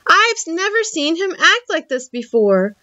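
A proud, fussy shopkeeper in a storybook, showing off his wares with grand announcements, as voiced by a woman reading aloud. The voice swings widely in pitch and is carried by a dull, muffled recording. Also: big pitch swings, measured pace, pushed and bright, dry recording, exaggerated voice. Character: proud male toy-store shopkeeper, fussy and showy. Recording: muffled lo-fi audio.

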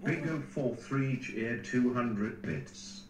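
A man's voice: medium pitch, takes it slowly, crowd noise. A synthetic male text-to-speech voice reading out stream donation messages. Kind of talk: flat read-out of stream messages. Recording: echoey speaker playback with faint noise.

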